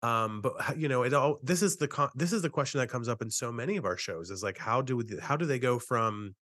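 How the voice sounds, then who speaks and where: Medium-pitched man discussing true crime. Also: animated, quick pace, fairly bright tone, no echo, clean studio sound. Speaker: co-host of a true-crime podcast.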